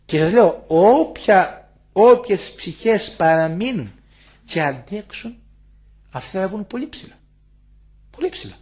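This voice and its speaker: With a high voice, an aged monk gives an intense spiritual address in the guest room of a monastery. He alternates between booming warnings and hushed side comments.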